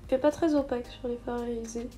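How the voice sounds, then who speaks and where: A woman's voice: fairly high pitch, steady tone, fast, dark tone, faint music behind. Chatty young woman, makeup vlog. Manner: chatty, frequent fillers and self-corrections. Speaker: beauty vlogger. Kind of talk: casual makeup tutorial narration.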